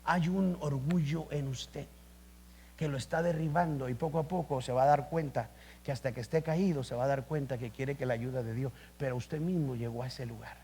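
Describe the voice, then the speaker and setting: A man's voice: medium pitch, brisk, a little mellow, slight background noise. A man, a pastor, preaching a live sermon in an impassioned, exclamatory way. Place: church service, live.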